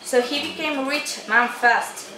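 A young adult student narrator reads a folktale aloud from a script for a puppet show in an indoor room at a day care centre. Her voice is high and unhurried, and the echoey room carries the clatter of a crowd and dishes.

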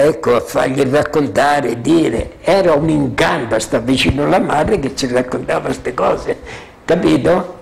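A man's voice: fairly high pitch, gravelly. An older man telling his memories in a loose, rambling way, often checking that listeners follow. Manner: freewheeling, keeps asking "capito?"; animated storyteller, chuckles often. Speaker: witness sharing memories. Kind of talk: rambling spoken recollection.

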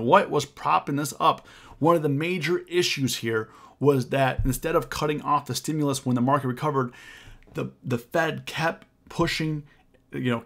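A man's voice: medium pitch, vocal fry. A man in his thirties giving stock market commentary over charts, urgent and emphatic, with frequent restarts and repeated words, in a small room.

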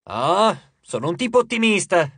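A man's voice: very animated, normal speed, a bit bright, breathy edge, no room sound, heavily acted. A man voicing a mocking, grotesque male sea god who taunts his captives in an audiobook. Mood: gloating. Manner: taunting, theatrical, booming.

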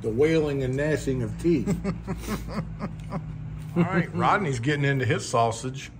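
A man's voice: fairly high pitch, lively intonation, takes it slowly. Folksy man chatting over barbecue. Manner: folksy, chatty, laughs between bites. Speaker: food vlogger reviewing a barbecue restaurant. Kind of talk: casual food review vlog. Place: restaurant dining room. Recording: faint background noise in a restaurant.

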